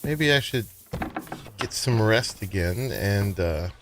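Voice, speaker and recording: A man's voice: on the low side, lively intonation, slow, background noise. A man giving casual, chatty gameplay commentary, musing aloud as he plays. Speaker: gamer commenting on own play.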